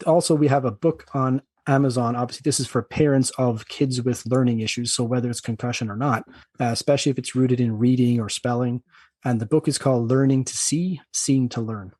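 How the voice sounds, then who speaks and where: A middle-aged man with an Irish accent and a slightly husky voice, speaking quickly and anecdotally as a doctor being interviewed. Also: medium pitch, fairly even intonation, darkish tone, no room sound. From Ireland. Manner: fast-talking, anecdotal. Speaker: doctor, podcast guest. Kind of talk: conversational interview.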